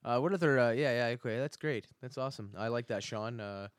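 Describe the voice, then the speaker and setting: A man hosting a casual podcast, rambling and joking, often trailing off quietly. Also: medium pitch, a little fast, dry recording, studio quality. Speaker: podcast host. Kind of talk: casual chat.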